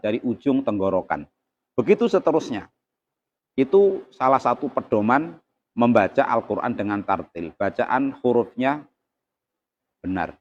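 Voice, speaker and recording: A man, giving a calm, measured Quran exegesis lesson as a teacher. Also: medium pitch. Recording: slightly dull lo-fi recording.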